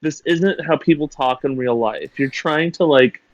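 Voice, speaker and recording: Higher-voiced man ranting on a podcast. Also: measured pace, no echo. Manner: rambling, frequent "like" fillers, blunt critical opinions. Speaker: podcast co-host. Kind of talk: casual wrestling recap chat. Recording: slightly muffled dry recording.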